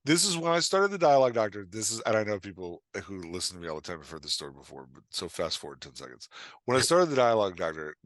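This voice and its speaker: In a dry recording, a writing coach talks as a podcast guest in a relaxed interview chat. His voice is on the low side and fairly bright, sing-song, and fast. He's emphatic, repeating his phrases and performing imagined remarks.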